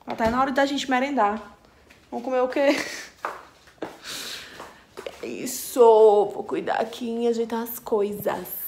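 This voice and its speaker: A woman's voice: on the high side, fairly even intonation, a little slow, long pauses, a little mellow, slight background noise. Chatty young woman vlogging at home. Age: young adult. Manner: chatty, talks straight to viewers. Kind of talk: casual vlog to camera. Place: home kitchen and living room, indoors. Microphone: handheld camera at arm's length.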